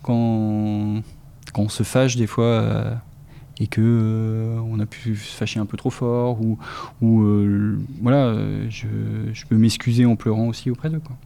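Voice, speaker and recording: Gravelly man answering hesitantly. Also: on the low side, flat delivery, unhurried, warm tone. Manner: hesitant, many fillers. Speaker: interviewee, father. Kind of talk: casual interview answer.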